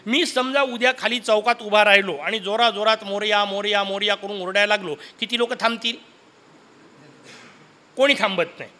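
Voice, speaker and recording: High, bright-voiced sermon speaker. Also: male voice, normal speed. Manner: lively, asks the audience questions, playful asides. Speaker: Puranic discourse speaker. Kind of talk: devotional sermon with storytelling.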